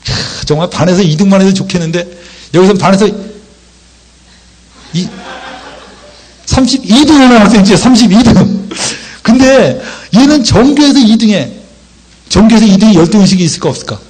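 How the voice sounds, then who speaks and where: A man's voice: high-pitched, moderate pace, long pauses, slightly rough. A man preaching a sermon lecture, telling stories and acting out the people in them. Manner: lively storytelling, acting out quoted voices. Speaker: pastor.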